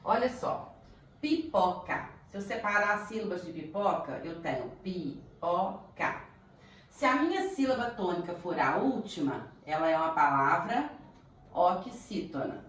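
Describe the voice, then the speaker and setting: A woman's voice: lowish voice, sing-song, a little hiss or hum. Brazilian woman teacher, echoey distant room. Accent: Brazilian Portuguese. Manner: slow, deliberate, stretches words to sound out syllables. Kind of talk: primary school grammar lesson.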